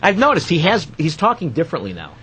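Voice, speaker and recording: A man's voice: a little high, wildly swooping pitch, fast talker, a bit bright. A man hosting a radio show in a studio, chatting casually with guests and teasing them with jokes. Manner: jokey, teasing, laughs often. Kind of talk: casual on-air chat.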